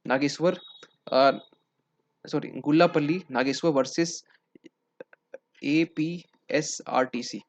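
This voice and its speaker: A man explaining a lesson to exam students, pausing often with fillers and restarts and checking in with listeners. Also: a little high. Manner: halting, searches for words with many fillers and restarts. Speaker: civil services exam teacher. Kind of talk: explanatory lecture. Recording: dull lo-fi recording.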